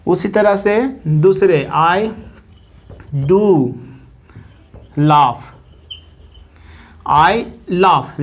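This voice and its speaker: A man teaches a grammar lesson. He talks at a slow, unhurried pace and repeats each example several times. He keeps checking in with his students as he goes. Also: sits high. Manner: slow, repetitive explaining with many "theek hai" checks.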